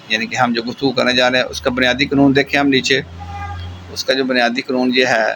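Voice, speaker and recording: A man gives an online German lesson with a bright, clear tone, drawing out words slowly and pausing often to check that students follow. Faint traffic hums in the background. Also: mid-range voice, low-quality recording. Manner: slow, drawn-out explaining with frequent "theek hai" check-ins. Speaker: German teacher.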